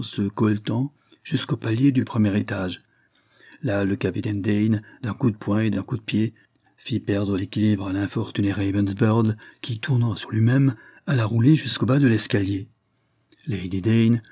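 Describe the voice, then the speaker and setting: Husky low-voiced male audiobook narrator. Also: warm tone, dry recording, clean studio sound. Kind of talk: audiobook reading of a Victorian novel.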